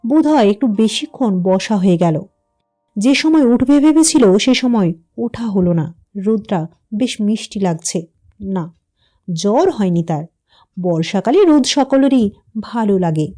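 A woman narrating a classic short story in a calm, even reading voice. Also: medium pitch, unhurried, long pauses, soft background music.

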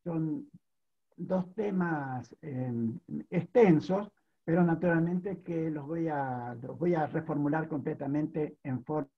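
A man's voice: on the high side, slow pace, breathy edge, dull audio. A man giving a formal panel lecture over a video call, his audio choppy and cutting out as he methodically lays out and restates his points. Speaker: conference panelist.

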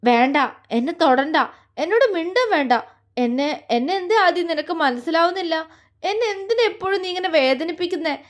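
A heartbroken young man, drunk and tearful, stammers out his reproaches in a high, light voice, as a woman storyteller puts him on. He repeats words and pleads as he speaks in this romantic audio story. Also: animated, normal speed.

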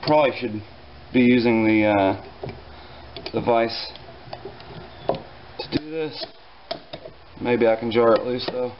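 A man casually explaining a small engine repair in his home garage, relaxed and dryly joking, with plenty of fillers as he works. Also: medium pitch, slow pace, long pauses, dull audio, background noise. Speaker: repair instructor. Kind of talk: casual hands-on repair tutorial.

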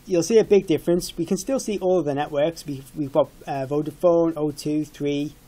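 A man in his thirties walks through a tech product informally, explaining things in a matter-of-fact way. His voice sits a little high with a dark tone, and he talks at a normal speed.

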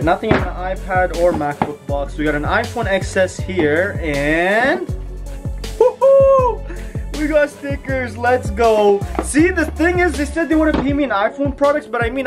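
Gasping and constantly addressing his viewers as "guys," a young man in his twenties delivers excitable, dramatic vlog narration as a YouTuber. His voice sits high. Loud background music accompanies him from a nighttime outdoor scene into an indoor room.

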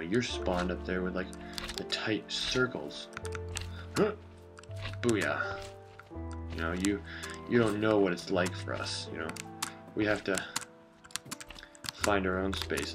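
A young man giving casual, rambling gameplay commentary with deadpan absurd jokes. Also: low voice. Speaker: gaming vlogger. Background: game music.

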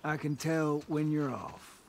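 A man playing a seasoned, protective male guide in a video game, talking in a calm, instructive way. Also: fairly high pitch, slow, creaky, slight background noise, exaggerated voice. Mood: concerned.

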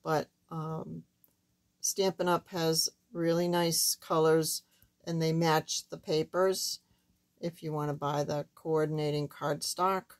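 An older woman with a thin, squeaky voice that sits fairly low and sounds a little hoarse. She talks in a casual, halting way, as the host of a hands-on craft tutorial. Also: level tone. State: hoarse while recovering from surgery. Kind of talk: casual card-making demonstration. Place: indoors at a wooden craft table, camera overhead.

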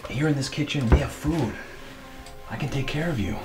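A young man plays a scheming, intense suitor in a comic drama. He presses earnestly and melodramatically with big leaps in pitch, over a music bed. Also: animated, normal speed, lightly acted. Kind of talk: comedic web-series acting.

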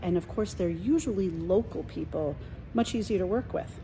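Her voice is on the low side and warm, moving at a moderate pace, and the recording is low quality with slight background noise. This middle-aged business coach walks through a big indoor mall holding her phone at arm's length for a selfie vlog. She chats with enthusiasm and calls out sights along the way.

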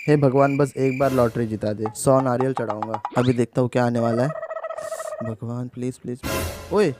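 A man voicing a boastful, excitable bald young boy in a cartoon dub, pleading and bragging. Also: medium pitch, brisk, lightly acted. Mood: excited. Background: background music.

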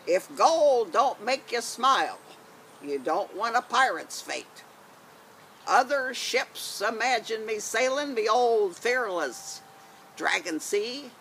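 Captain Longjaw, swaggering pirate, as a granny puts him on. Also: female voice, on the high side, expressive, takes it slowly, gravelly, a bit bright, a little hiss or hum, heavily acted, rough recording. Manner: growly pirate talk, dropped words, laughs at own menace. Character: boastful hot-tempered male pirate captain, warty, bearded. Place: outdoors in a garden.

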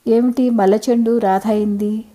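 A woman reading as a gentle, lonely woman in her fifties. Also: fairly high pitch, steady tone, normal speed, lightly acted. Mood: wistful.

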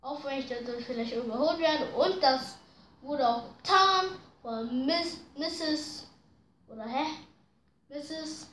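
High, bright-voiced woman gamer in a roomy space. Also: measured pace, a little hiss or hum. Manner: slangy, excitable, groans and pleads at the game. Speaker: gaming video host. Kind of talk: casual gameplay commentary. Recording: roomy echo.

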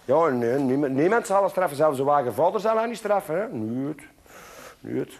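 Man doing a smug miracle boy, Flemish accent, teasing, sly, lively pitch. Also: brisk. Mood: taunting. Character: cheeky boy who works miracles, smug.

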